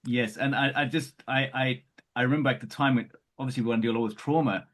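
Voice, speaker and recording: A man's voice: mid-range voice, fairly even intonation, a bit bright. Earnest, stumbling man podcast host. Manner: earnest, restarts often, quick bursts. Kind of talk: conversational podcast chat.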